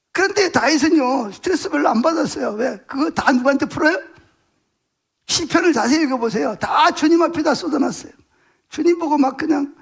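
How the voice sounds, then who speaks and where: A male pastor delivers a Sunday sermon in a strikingly high voice with a rough, gravelly edge. He talks plainly and emphatically, repeating words for stress. He keeps asking his listeners questions. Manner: emphatic, asks the congregation rhetorical questions.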